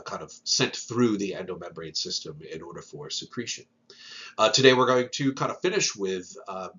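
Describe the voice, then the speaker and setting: A man's voice: low voice, sharp tone, highs cut off. A man with a stuffy, nasal voice from a sinus infection, giving a casual recorded biology lesson with many "uh" fillers. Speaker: biology teacher.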